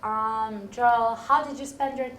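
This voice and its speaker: A soft-spoken woman asks her interview questions quietly, pausing on small fillers. Her voice rings in an echoey room with a faint hiss underneath. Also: a little high, fairly even intonation. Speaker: club interviewer.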